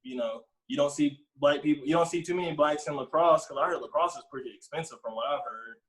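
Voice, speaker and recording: A young man talking casually as a podcast guest, relaxed and rambling with lots of filler words. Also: on the high side, fast, low-quality recording. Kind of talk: casual chat.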